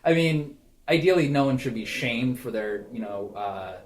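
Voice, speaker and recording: A man's voice: medium pitch, expressive, moderate pace, a crowd in the background. A young man co-hosting a casual movie podcast, chatty and thinking aloud. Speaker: podcast co-host.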